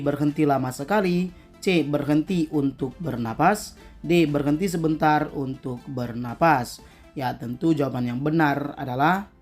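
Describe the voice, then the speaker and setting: A teacher reading out quiz questions and answer choices one by one, then explaining each answer, often tagging "ya" after it. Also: medium pitch. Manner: slow, deliberate reading of answer options, tag "ya" after answers.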